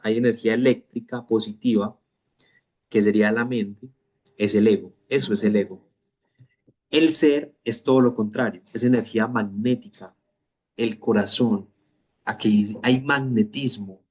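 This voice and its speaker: A fairly low-voiced man leading a spiritual master class. He explains his ideas step by step, in a deliberate and measured way. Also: darkish tone. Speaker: spiritual teacher.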